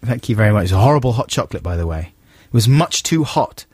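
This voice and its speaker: A man's voice: fairly low pitch, animated, fast, darkish tone, slightly rough, no echo. A man co-hosting a radio show, rambling and self-mocking in casual chat. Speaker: radio co-host. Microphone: studio mic. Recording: dry studio sound.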